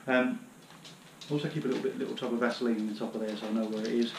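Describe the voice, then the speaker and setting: A British man in his thirties, an outdoor gear vlogger, kneels on his living room floor and shows off his hiking kit in a casual, rambling demonstration full of fillers. His medium-pitched voice stays level and moves very fast. A camera on the floor a few metres away picks him up in an echoey room with a noisy background.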